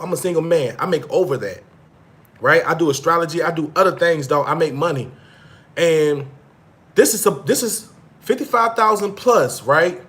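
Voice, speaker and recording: Brief: thirties male vlogger, slightly high voice, blunt street-slang monologue, repeats himself. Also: a bit bright. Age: 30s. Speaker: vlog host. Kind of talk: casual monologue to live viewers.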